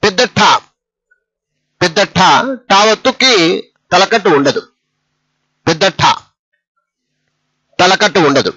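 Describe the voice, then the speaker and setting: A man's voice: high voice, expressive, slow pace, long pauses, sharp tone, slightly rough, no echo, lo-fi sound. A man teaching a step-by-step lesson on writing letters, patient and repeating each letter. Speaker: Telugu script teacher.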